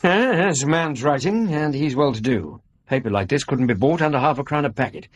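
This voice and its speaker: An actor playing an affable middle-aged Victorian gentleman doctor with an English accent, courteous and hearty, in a radio drama. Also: mid-range voice, expressive, brisk, breathy edge. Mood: curious, earnest.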